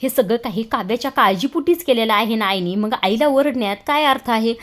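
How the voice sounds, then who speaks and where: A woman reading the lines of a gentle, protective young husband in a serial recap, in a calming, earnest manner. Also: fairly high pitch, fairly quick, natural voice.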